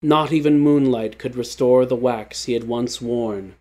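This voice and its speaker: A man reading a literary short story aloud in a measured, somber way. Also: mid-range voice, a little mellow. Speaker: narrator. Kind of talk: scripted literary narration.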